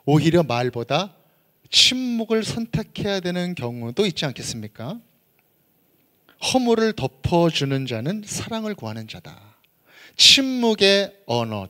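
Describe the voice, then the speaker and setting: 생기 있는 억양의 남성 목사 설교. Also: male voice, a little high. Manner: leads the congregation in reading scripture aloud; animated, acts out everyday scolding. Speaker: pastor. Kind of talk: sermon.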